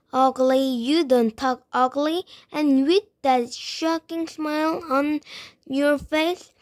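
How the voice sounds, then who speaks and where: Storybook stepmother, bossy and sneering, higher voice, put on by a woman reader. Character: bossy stepmother, haughty and scornful.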